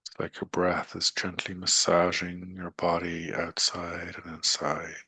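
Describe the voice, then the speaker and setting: Gentle and unhurried, a man talks a listener through meditation in short phrases broken by long pauses, his delivery flat and even. The low-pitched voice carries a husky breathiness yet stays crisp on top, coaxing softly, with no room sound.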